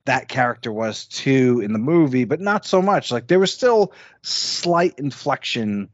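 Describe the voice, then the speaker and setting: A man's voice: medium pitch, lively intonation, a little slow, no echo, highs cut off. A man co-hosting a podcast in casual chat, rambling with lots of "like" fillers. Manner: rambling, heavy use of "like". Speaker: podcast co-host.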